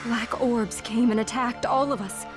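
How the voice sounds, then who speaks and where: Music runs under a game cutscene where a woman voices a young guild member, earnest and pleading. Her slightly high voice is steady, unhurried, and natural, and she asks for help urgently yet with formal politeness.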